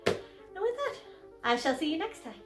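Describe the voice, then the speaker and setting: A young woman singer explaining a song in a casual lesson, animated and giggly, acting out lines dramatically. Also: extremely high pitch, moderate pace. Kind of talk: casual music lesson vlog. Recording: echoey room with soft piano music.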